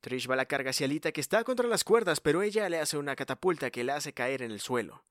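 Guy narrating wrestling like a commentator, highish voice, dramatic, really dry sound. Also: fast talker, no room sound. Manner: dramatic, building to excited calls.

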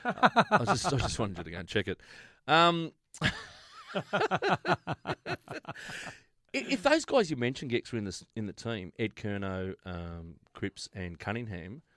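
A man's voice: lowish voice, sing-song, a little slow, long pauses, sharp tone, no echo, studio quality. A man with an Australian accent chatting casually about football as a podcast panellist.

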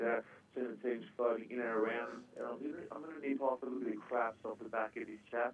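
Man over a tinny phone line. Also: medium pitch. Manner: relaxed, chatty. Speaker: podcast host. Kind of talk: casual sports chat. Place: hotel in the US, calling in.

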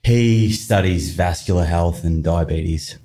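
A man's voice: sits low, takes it slowly, mellow, a little hiss or hum. A man in his thirties with a broad Australian accent, chatting casually and telling stories in an interview. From Australia, partly raised in the southern United States. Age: 30s. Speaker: podcast host telling his own story. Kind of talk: casual interview chat, anecdotes.

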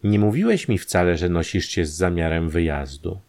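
A man doing a sharp, ironic wealthy woman. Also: deep voice, moderate pace. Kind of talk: audiobook character reading.

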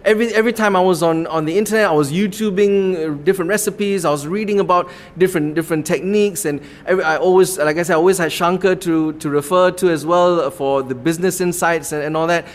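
A man's voice: high-pitched, fast talker, hardly any pauses. A man with a Malaysian accent, a comedy club owner telling his story in an interview, earnest and rambling, laughing now and then.

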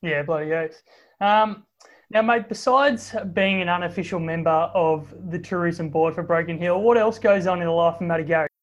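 A man's voice: a little high, moderate pace. A man with an Australian accent hosting a casual podcast interview in a matey, colloquial way, recorded in dull lo-fi audio. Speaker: podcast host.

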